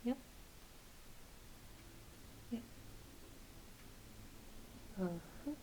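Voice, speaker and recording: A woman performs an ASMR doctor roleplay, speaking softly and often whispering as she gently reassures a patient, with some hesitancy. She talks very slowly. The rough recording carries a clear background hiss.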